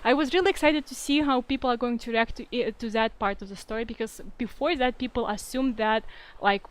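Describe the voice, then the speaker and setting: On a low-quality recording, a fanfiction writer chats with readers during a casual livestream, reading their comments aloud and answering hesitantly, full of fillers and restarts. She's a young woman with a fairly high voice and a Russian-influenced accent.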